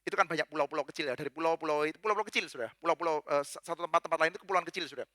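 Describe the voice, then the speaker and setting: A male pastor preaching a sermon in a lively, joking way, dropping in English phrases and acting out quoted voices. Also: racing, no room sound, studio quality. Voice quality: acts out quoted voices with big pitch jumps. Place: church.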